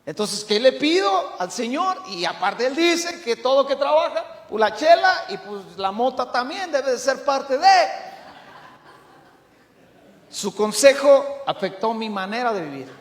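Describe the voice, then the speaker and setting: A middle-aged Mexican man preaching a sermon as pastor, emphatic, swinging from loud to hushed. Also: extremely high pitch, animated, takes it slowly, long pauses. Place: church hall. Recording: echoey church hall.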